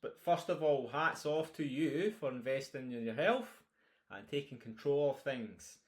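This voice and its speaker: A man's voice: mid-range voice, unhurried. A man with a broad Scottish accent speaks as a coach, informally introducing a course and encouraging listeners directly. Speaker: health and nutrition coach presenting a course. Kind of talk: informal course introduction, talking through topics.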